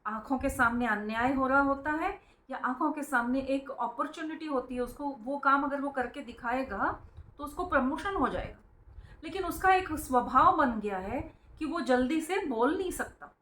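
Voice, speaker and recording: A woman with a slightly high voice gives an informal spiritual talk, explaining her points earnestly. She calls her listeners friends and briefly acts out how strict parents hush their children. The sound is roomy and echoing. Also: normal speed.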